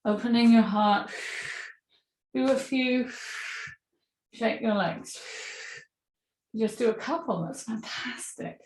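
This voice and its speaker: A woman yoga instructor guiding a movement class with gentle, encouraging cues. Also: a little high, slow pace, long pauses. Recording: echoey room.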